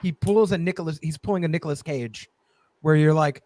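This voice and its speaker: A man's voice: a little high, a little fast, darkish tone, no echo. A man co-hosting a casual podcast chat about a TV show, riffing jokes and theories. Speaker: podcast co-host.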